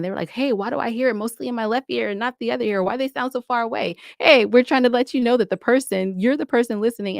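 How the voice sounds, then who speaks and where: A woman with a mid-range voice and vocal fry speaks as a podcast guest, recorded dry in a clean studio. She produces audio dramas and explains things conversationally, with enthusiasm and emphasis, often checking in with "right?"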